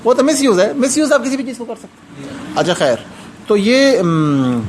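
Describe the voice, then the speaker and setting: A man's voice: very high-pitched, a bit bright, slight background noise. A man from South Asia giving a religious lecture to an audience, earnest, with rhetorical questions and personal stories. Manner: frequent restarts and pious interjections. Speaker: Islamic lecturer.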